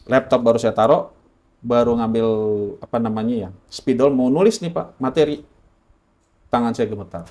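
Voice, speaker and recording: A man's voice: medium pitch, moderate pace, warm tone. A man from Indonesia telling his personal story in an interview, earnest and correcting himself often.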